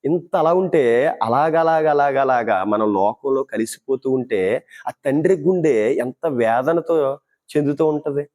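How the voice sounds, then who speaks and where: A man's voice: mid-range voice, measured pace, a little mellow. A man giving Bible teaching, asking rhetorical questions and acting out everyday dialogues to make his point.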